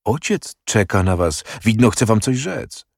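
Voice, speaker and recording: A man's voice: lowish voice, big pitch swings, measured pace, vocal fry, no room sound, studio quality, heavily acted. A man reading the part of an uneasy young attendant who speaks hesitantly and apologetically.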